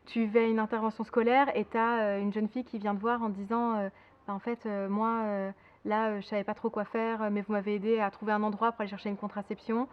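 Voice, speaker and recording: A woman's voice: medium pitch, level tone, quick pace, smooth, lo-fi sound. A woman in her twenties from Belgium, director of a sexual health association, answering interview questions with many fillers and restarts. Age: 20s.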